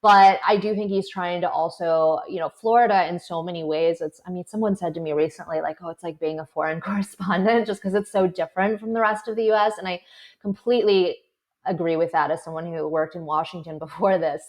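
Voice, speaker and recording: Lowish woman's voice, journalist guest, loose and chatty with lots of ums and little laughs. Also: fairly even intonation, a little fast, darkish tone. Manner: chatty, laughs often, frequent fillers. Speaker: political correspondent, guest. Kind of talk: conversational interview. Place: South Florida.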